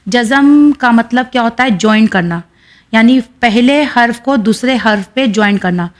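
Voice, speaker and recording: Woman teacher, Indian Urdu accent, patient, slow clear syllables, somewhat high voice. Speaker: Quran reading teacher. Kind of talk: teaching lesson.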